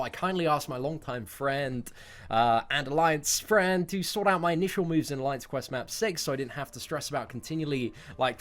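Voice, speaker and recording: A young adult British man with a slightly high, somewhat bright voice hosts a gaming video in casual storytime mode. He talks to his viewers in slangy, emphatic phrasing that sometimes turns sweary.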